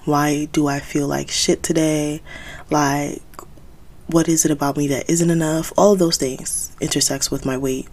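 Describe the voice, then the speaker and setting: Twenty-something woman hosting her own podcast, deep voice with lots of fry, just talking it through candidly. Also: fairly even intonation, measured pace, a little mellow. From United States, Haitian American. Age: 20s. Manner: candid, conversational, thinking aloud. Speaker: podcast host. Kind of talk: solo podcast monologue.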